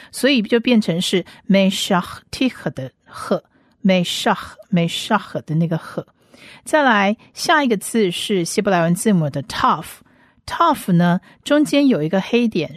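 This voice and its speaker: Woman as a patient lesson teacher, repeats every sound slowly; dry, close sound. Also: mid-range voice, no echo. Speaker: Hebrew teacher. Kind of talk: step-by-step language lesson.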